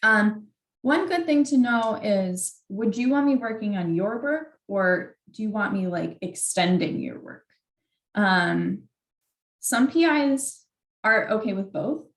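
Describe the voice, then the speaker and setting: This young adult woman, speaking in a mid-range voice, mentors at a workshop as a graduate student. Her advice is informal, candid and conversational, peppered with "like," and the sound is roomy with echo.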